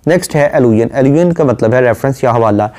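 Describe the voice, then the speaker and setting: A man with an Urdu-inflected Hindustani accent giving a classroom lecture on poetry, quoting lines slowly and then explaining them. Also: medium pitch, a little mellow. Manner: explains line by line, quotes slowly then paraphrases; rapid listing during rhyme scheme drills. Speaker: literature lecturer.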